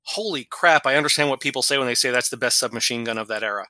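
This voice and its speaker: A man's voice: mid-range voice, very fast, pushed and bright, no echo. A man from New York co-hosting a podcast, talking with enthusiasm and rambling through restarts. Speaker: podcast co-host. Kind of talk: casual podcast chat.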